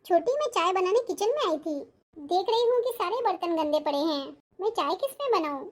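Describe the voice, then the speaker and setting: An actress playing a patient, hardworking elder sister-in-law who often grumbles to herself, in a family drama. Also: female voice, very high-pitched, expressive, a little fast. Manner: fussing, complaining to herself. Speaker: actor.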